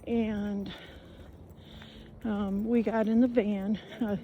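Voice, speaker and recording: A woman's voice: mid-range voice, level tone, extremely slow, dull audio. A woman telling a camping story while walking outdoors, out of breath, rambling and colloquial with lots of fillers. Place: outdoors on a riverside trail.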